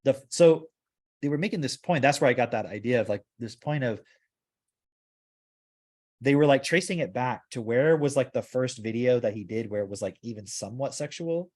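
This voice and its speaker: A man's voice: medium pitch, lively intonation, normal speed, a little mellow. A man hosting a casual podcast discussion, rambling and filling his talk with "like" as he works through his points. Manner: rambling, heavy use of "like". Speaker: podcast host.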